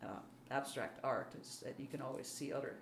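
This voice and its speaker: A Belgian-accented artist, natively fluent in French, German and Dutch, gives a casual interview, sounding hesitant and self-deprecating. Her extremely low, creaky voice stays steady in tone and runs a little fast, heard in a roomy space with faint background noise.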